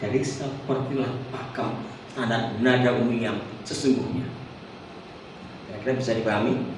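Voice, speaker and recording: A man teaching a Quran recitation workshop, explaining the melody and chanting verses slowly for the group to repeat. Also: mid-range voice, steady tone, background noise. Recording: echoey hall, distant mic.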